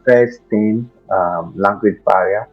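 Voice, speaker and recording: A man's voice: fairly low pitch, takes it slowly, muffled recording, music in the background. A man in his twenties from Ghana with a Ghanaian accent, a guest telling his story with many fillers and restarts. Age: 20s. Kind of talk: casual interview.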